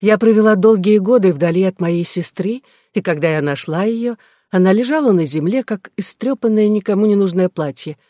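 Sharp and reproachful, this is a worldly courtesan sister who scolds and lectures, proud of a life spent on pleasure, as a reader puts her on. She speaks at a middle pitch with lifts of emphasis, in a dry, close recording with no room around the voice. The telling is that of a classic audiobook. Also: moderate pace, no echo, natural voice. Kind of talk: audiobook reading.

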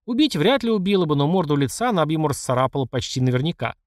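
A man reading an audiobook narration in an expressive, wry way. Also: a little high, rapid-fire, no room sound, clean studio sound. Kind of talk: scripted narration.

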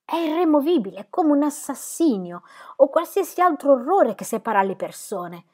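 A woman's voice: fairly low pitch, brisk, darkish tone, close to an everyday voice. A woman reading aloud, voicing a proud, poor young man in love who bursts out in bitter anger. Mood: angry.

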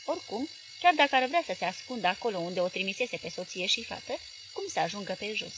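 A woman with a Romanian accent reading a literary novel as an audiobook narrator, in measured, clear narration. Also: mid-range voice, lively intonation, background noise.

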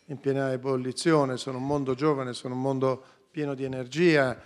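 Male interview guest, mid pitch, earnest, builds answers as lists. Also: flat delivery, fairly quick. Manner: earnest, lists ideas in a row. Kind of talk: radio interview.

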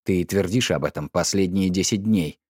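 A man reading an audiobook, voicing a stiff, pedantic middle-aged husband who talks in a slow, measured, reproachful way. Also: deep voice, darkish tone, breathy edge, no room sound, studio quality, voice pushed down.

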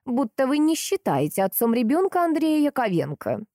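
A woman voicing a sharp-tongued, persistent older woman detective who is by turns sweet and cutting, in an audiobook. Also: mid-range voice, very animated, normal speed, no room sound, clean studio sound, voice pushed up, natural voice. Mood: insistent.

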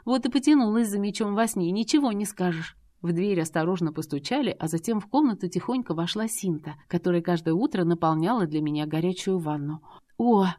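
A woman narrating a first-person fantasy romance, expressive, wry and indignant. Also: on the low side, fairly quick, few pauses. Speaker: audiobook narrator.

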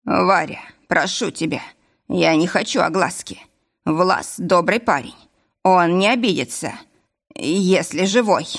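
A woman voicing a weak, breathless older man lying in intensive care, talking slowly between sighs. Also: on the low side, gravelly. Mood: weary. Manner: slow, sighing, breathless delivery.

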